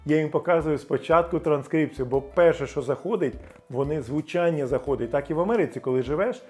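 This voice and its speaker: A middle-aged Ukrainian-speaking man teaching English pronunciation, slowly modelling English words with emphatic stress. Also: on the high side, darkish tone, faint music behind. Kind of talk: explanatory video lesson.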